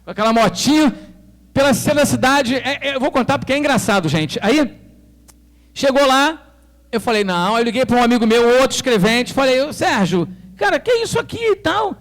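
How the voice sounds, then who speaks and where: A man's voice: very high voice, fairly quick. A male pastor with a Brazilian Portuguese accent telling a story in a sermon, acting out the dialogue as he goes. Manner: animated storytelling, acts out dialogue.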